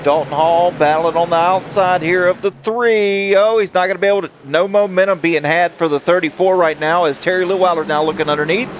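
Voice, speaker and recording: Man, sim racing play-by-play, higher voice, excitable, engine noise behind. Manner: excitable play-by-play, quick reactions. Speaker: lead race commentator.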